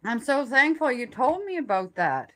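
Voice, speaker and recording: A middle-aged or older woman chatting casually on a live stream, rambling and halting as she trails off mid-thought. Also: sits high, very animated, a bit bright.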